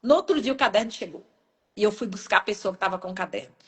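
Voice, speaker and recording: A woman's voice: medium pitch, fast talker. A woman preacher from Brazil with a Brazilian Portuguese accent, giving an emotional, emphatic sermon with personal testimony. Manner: emotional, emphatic, rising and falling sharply.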